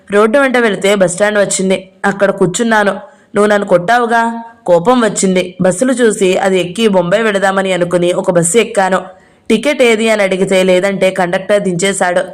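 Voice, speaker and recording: A woman's voice: mid-range voice, lightly acted. A woman reading aloud as an innocent, eager little boy in a novel, rambling through his story in long run-on sentences.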